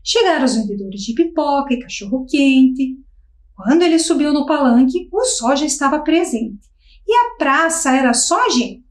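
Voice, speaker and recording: A woman's voice: high voice, expressive, normal speed, reverberant. A woman teacher reading a children's story aloud, switching voices for the characters.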